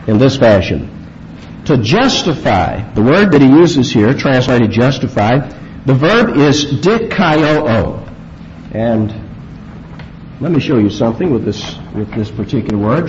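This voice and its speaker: A mid-pitched man delivers an expository sermon, painting vivid scenes and driving home key words with emphatic rises. The recording sounds dull and slightly lo-fi, like an old church tape. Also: a little mellow, slight background noise. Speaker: preacher.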